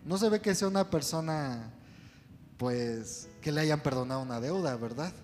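A man's voice: a little high, lively intonation, moderate pace. A man preaching a sermon, calling on the congregation to repeat words after him. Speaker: pastor. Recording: long hall reverb with faint music.

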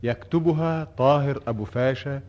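Male radio drama announcer, medium pitch, formal scripted narration, muffled old recording with faint noise. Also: normal speed, darkish tone.

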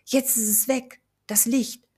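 Woman reading as a jumpy scared young guy, shaky voice, bit husky, storybook. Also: on the high side, fairly even intonation, slow pace, dark tone, pitched above the performer's own voice, exaggerated voice. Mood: anxious. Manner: anxious and shaky. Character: nervous young man, jumpy and fearful.

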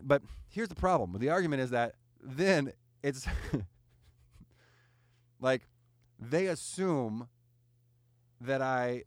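A man hosting a casual podcast, talking his opinions through in a rambling, animated way with fillers and restarts. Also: mid-range voice, no echo, clean studio sound.

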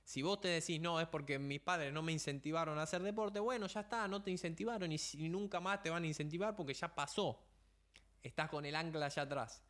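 A man's voice: on the high side, fairly quick, a bit bright. A young man with a Rioplatense Spanish accent, hosting a motivational podcast in a blunt coaching tone full of slang and rhetorical questions. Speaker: podcast host.

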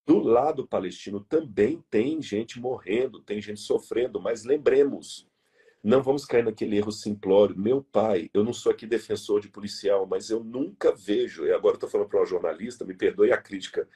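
A man's voice: on the low side, normal speed, dark tone, breathy edge. A man from Brazil with a Brazilian Portuguese accent, a guest arguing earnestly in an interview, emphatic and repeating key words. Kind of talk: earnest conversational argument.

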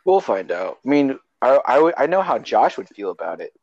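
A man's voice: medium pitch, very animated, brisk, a little mellow, no room sound. Giggly young man hosting a podcast. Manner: giggly, joking, rambling. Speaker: podcast host. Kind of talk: casual chat. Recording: slightly dull, dry sound.

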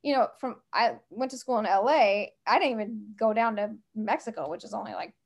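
A brisk, mid-range voice belongs to this middle-aged American woman from the West Coast. Guesting on a podcast, she tells informal stories peppered with asides.

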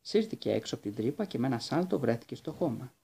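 A man narrating a children's book aloud with lively, expressive storytelling. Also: medium pitch, gravelly, husky. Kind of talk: audiobook reading of a children's book.

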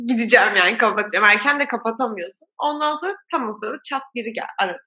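A young woman chatting casually, telling a story about her old call center job in an animated way and laughing often. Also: on the high side, rapid-fire. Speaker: former call center worker.

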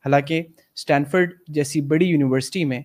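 A man's voice: fairly high pitch, steady tone, a little mellow. A man in a casual discussion, reflective, switching between Urdu and English phrases. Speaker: guest in a discussion.

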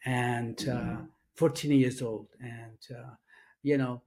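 A middle-aged Persian-speaking man with an Iranian accent, speaking as an interview guest. He talks at an ordinary pitch for a man, soft-spoken and earnest. His sentences stop and restart, padded with fillers. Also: level tone. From Iran. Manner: halting, many fillers and restarts. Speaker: guest, addiction and trauma coach. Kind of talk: casual interview.

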